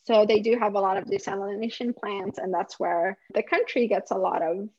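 A woman's voice: mid-range voice, fairly even intonation, normal speed, a little mellow, no echo, highs cut off. A woman in her thirties from Lebanon, a climate researcher chatting casually in an interview and laughing often.

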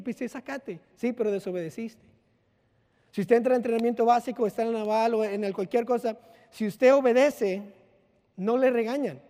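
A man preaches in a loose, conversational way, weaving in personal anecdotes and little acted-out lines. His voice sits high for a man. A long hall reverb trails each phrase. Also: mellow. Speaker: pastor. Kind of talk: sermon.

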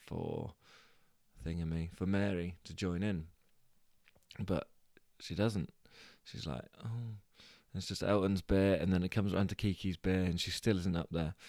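British podcast guy rambling through a story, slow and um-ing a lot, dry sound. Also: low voice, a little mellow, no echo. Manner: rambling, hesitant, many fillers and restarts. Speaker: podcast host.

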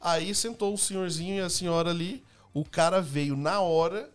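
A young man telling personal stories in a casual podcast chat, lively, laughing, and acting out the people he quotes. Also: high-pitched, normal speed, clean tone. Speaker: youtuber and podcast guest.

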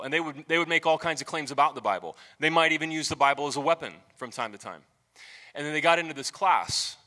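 A man's voice: medium pitch, bright, forceful tone, long reverb tail. A man preaching a sermon as pastor, talking conversationally and asking the congregation questions.

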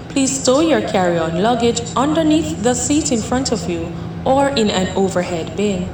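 A woman playing a flight attendant, reading a formal, scripted cabin announcement. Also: natural voice. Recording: roomy sound with clear background rumble.

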